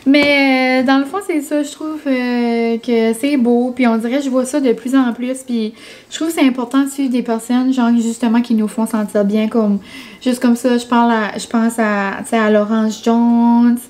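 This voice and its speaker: A woman's voice: a little high, steady tone, moderate pace, a little mellow. A young woman with a Québécois French accent chatting casually in a vlog, full of fillers like "genre" and "comme". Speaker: vlogger.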